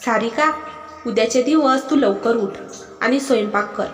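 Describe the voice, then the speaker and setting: A woman's voice: a little high, normal speed, natural voice. A woman reading as a stern young farmer husband. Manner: firm, scolding. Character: young male farmer, patient husband, stern when pushed. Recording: echoey hall with music behind.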